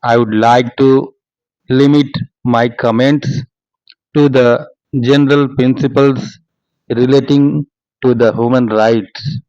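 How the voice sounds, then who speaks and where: A man with an Indian accent dictating a speech for shorthand practice, measured and phrase by phrase. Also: mid-range voice, a little mellow, dry recording, lo-fi sound. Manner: measured, phrase-by-phrase delivery with spoken paragraph marks. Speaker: stenography dictation instructor.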